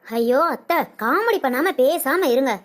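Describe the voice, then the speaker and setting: Cartoon elder daughter-in-law, cheeky and teasing, woman voicing, high voice. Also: animated, measured pace. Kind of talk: cartoon comedy voice acting.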